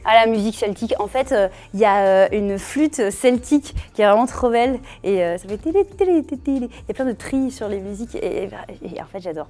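A woman's voice: mid-range voice, brisk, few pauses, a little mellow. Playful young woman ventriloquist. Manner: playful, teasing her puppet partner. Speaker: ventriloquist performer. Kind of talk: casual interview chat.

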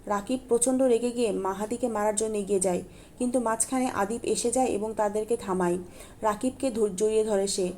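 A woman narrating an audiobook story in a steady, plain reading voice with small self-corrections. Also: mid-range voice, a little fast, a little hiss or hum.

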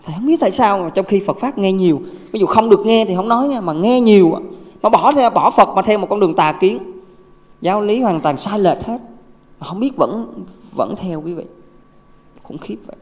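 A Buddhist monk preaches to a crowded temple hall, his voice pitched a little high for a man. He jokes and keeps asking his listeners questions in a lively way. A long reverb trails each phrase. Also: a little fast. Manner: lively, joking, asks the audience questions. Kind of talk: humorous dharma talk.

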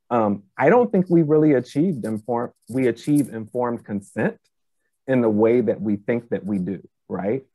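A man moderating a panel discussion on a video call, speaking in a measured, thoughtful way and slowing down to stress his points. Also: mid-range voice, warm tone, no room sound. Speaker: panel moderator and ethics faculty. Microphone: laptop webcam on video call.

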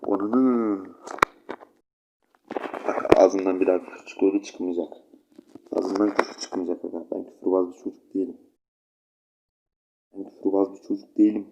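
A man's voice: low-pitched, level tone, fairly quick, creaky, pauses often, dull audio, background noise. A sleepy young man with a stuffy nose, rambling chattily to his viewers while commenting on his gameplay. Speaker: gaming channel host.

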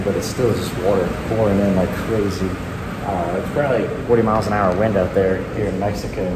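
A young man giving casual, slangy vlog talk to a phone held at arm's length, indoors in an apartment. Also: fairly low pitch. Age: young adult. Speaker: vlogger. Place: indoors in a tiled vacation apartment during a storm. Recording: echoey hard-walled room, loud background noise.

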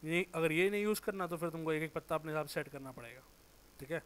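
A man with a sore throat giving a casual, informal software tutorial, thinking aloud, correcting himself and muttering as he works. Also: on the high side, quick pace, clean tone. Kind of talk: casual screen-recorded tutorial.

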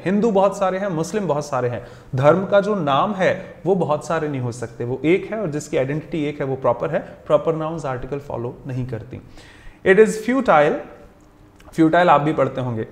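Man teaching grammar, echoey room. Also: fairly high pitch. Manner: explains slowly, drawing out English example phrases; mixes Hindi explanation with English examples. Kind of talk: recorded grammar lesson.

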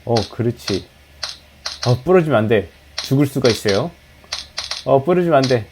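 A man's voice: mid-range voice, moderate pace, noisy background. A man hosting a gaming channel, giving playful commentary on mobile games as he plays, yelping and groaning at misses and cheering at wins. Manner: excitable, yelps and groans at failures, cheers at wins. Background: game music.

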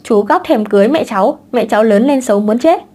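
A woman's voice: a little high, animated, fast talker, a little mellow, slightly rough. A woman voicing a vain, irritable thirty-year-old man in an audiobook. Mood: annoyed.

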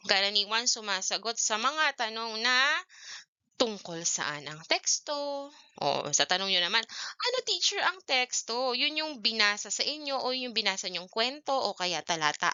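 A woman teacher leads a grade-one lesson on television, throwing questions to the children and checking in with them often. Her voice is very bright and smooth and sits a little high, with lively swings in pitch. The sound is dry and somewhat dull. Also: normal speed, no room sound. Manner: animated, questioning, repeats "okay" and "yan".

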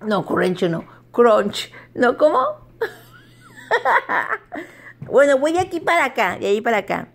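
A woman's voice: high-pitched, very animated, moderate pace, pauses often. A middle-aged woman, chatting casually on a home vlog, laughing often and stumbling over English words. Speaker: vlogger.

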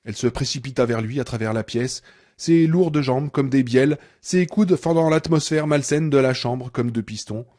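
A man narrating a novel in a measured, dramatic audiobook reading. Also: medium pitch, a little mellow. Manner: measured, dramatic, darkening on tense passages.

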